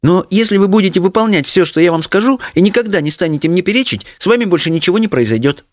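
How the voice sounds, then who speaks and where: A mischievous little girl with a very high, giggly voice, bossy and defiant, as a man puts her on. Her pitch leaps far above a man's own and swings widely. The recording is dry, with no room sound. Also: animated, fast talker, dry recording.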